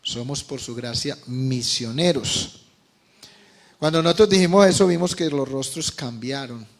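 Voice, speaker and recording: A Colombian man preaching as a pastor, telling a testimony with passion, moving between quiet and loud. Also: mid-range voice, a little slow. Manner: impassioned, swings from quiet to loud. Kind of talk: sermon testimony.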